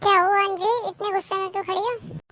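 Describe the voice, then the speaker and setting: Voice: very high-pitched, fairly even intonation, fast talker, bright, forceful tone. A voice actor playing a stern young husband in a cartoon, sounding bossy. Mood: calm. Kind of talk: cartoon voice acting.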